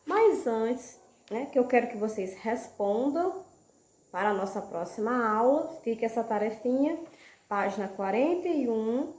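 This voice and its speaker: A woman teacher giving a lesson, often pausing to ask rhetorical questions and check that her students follow. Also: fairly high pitch, mellow, echoey room. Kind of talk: classroom lesson.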